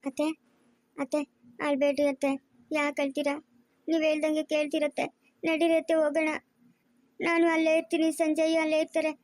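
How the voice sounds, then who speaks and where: A woman plays a gentle young daughter-in-law who pleads and soothes through repeated phrases. Her voice sits high. The setting is a family home drama. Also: completely flat delivery, moderate pace, pauses often, no room sound, lightly acted. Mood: pleading. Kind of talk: amateur family drama acting.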